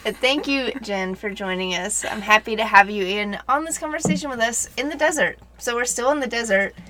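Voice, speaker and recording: A woman co-hosting a casual podcast, upbeat and quick to laugh and gasp. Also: fairly high pitch, bright, forceful tone. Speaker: podcast co-host.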